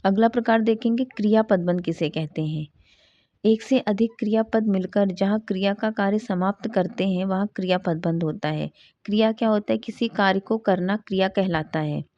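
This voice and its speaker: A woman teaching a grammar class at a middle pitch. She asks a question, then answers it herself, and slows down to read each example sentence. The recording is dull and lo-fi, with a dry, close sound. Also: dry recording. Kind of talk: Hindi grammar lesson.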